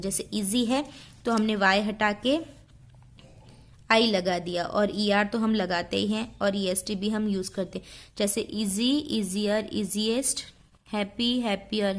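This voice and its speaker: A woman teacher, reading grammar rules slowly and then explaining them quickly in Hindi. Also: medium pitch. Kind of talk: classroom lesson explanation.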